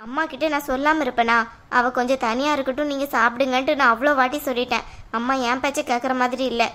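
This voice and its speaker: Woman doing a high-voiced cartoon sister, caring but insistent, keeps coaxing. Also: fairly even intonation, fast, a bit bright. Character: caring young woman Malar, the pleading sister. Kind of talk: cartoon voice acting.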